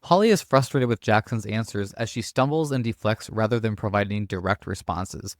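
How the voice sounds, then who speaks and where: A man's voice: fairly low pitch, normal speed, dry recording, clean studio sound. A man reading scripted political commentary as a narrator, opinionated and declarative.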